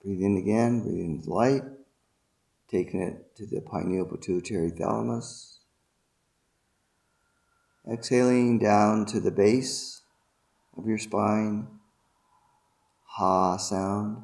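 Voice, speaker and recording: Male meditation guide, lowish pitch, very slow ceremonial delivery with short, deliberate phrases. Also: creaky, a little mellow.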